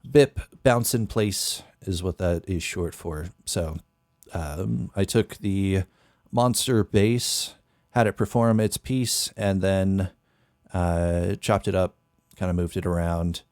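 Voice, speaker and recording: Speaking slowly with fairly even intonation, a young music producer with a very deep, darkish voice wanders through casual stream talk, filling gaps as he thinks aloud. He's in a small bedroom studio on a boom-arm mic with headphones, and the recording is dry and clean.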